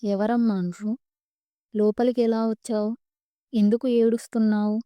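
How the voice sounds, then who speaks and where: A woman voicing a frightened young man who anxiously questions the dark around him in a horror story. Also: fairly high pitch, level tone, moderate pace, clear, resonant tone, no room sound, close to an everyday voice.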